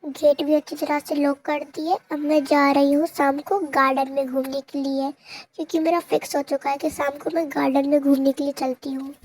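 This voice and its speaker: A woman's voice: sits high, level tone, normal speed, darkish tone, slight background noise. A woman playing a stern scolding young woman. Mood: calm. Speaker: game roleplay narrator. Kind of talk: Hindi game roleplay voiceover.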